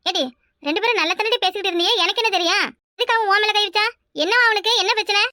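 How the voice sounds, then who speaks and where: A woman's voice: extremely high pitch, racing, pushed and bright, no echo, clean studio sound. A woman voicing a nagging, defensive older village mother-in-law in a cartoon, speaking with a Kanyakumari Tamil accent. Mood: scolding. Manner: nagging, defensive, calls others "ஏட்டி". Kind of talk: cartoon voice acting.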